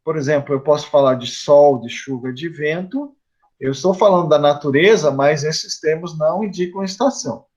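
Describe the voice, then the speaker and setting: A man's voice: on the high side, normal speed, darkish tone, muffled recording. A middle-aged man with a Curitiba accent, a haiku poet as guest teacher, patiently explaining to a class and listing examples. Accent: Curitiba, Brazilian Portuguese. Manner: patient and explanatory, lists terms with frequent "né?".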